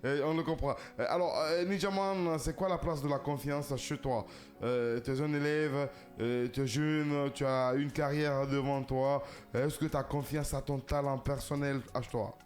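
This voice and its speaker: A man's voice: medium pitch, fairly even intonation, moderate pace, a little mellow, soft background music. A man hosting a studio talk show, interviewing a guest in a jovial way with many hesitant fillers. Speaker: TV show host.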